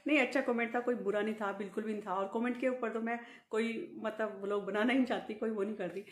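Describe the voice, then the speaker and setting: A woman's voice: fairly high pitch, steady tone, fast talker. A middle-aged woman vlogging in casual chat to the camera, laughing often as she talks. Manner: laughs often while talking. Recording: echoey room.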